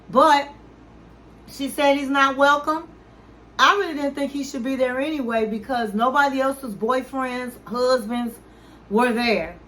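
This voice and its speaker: A woman's voice: sits high, bright, forceful tone, slight background noise, low-quality recording. A woman recapping a reality show in a chatty, storytelling way, acting out what each person said. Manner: chatty storytelling, acting out the people she quotes. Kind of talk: casual recap commentary.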